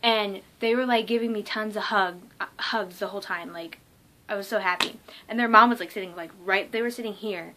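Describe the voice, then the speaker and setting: A young woman telling a casual vlog story, excited and rambling, with lots of ums and likes. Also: mid-range voice, brisk, background noise. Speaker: vlogger.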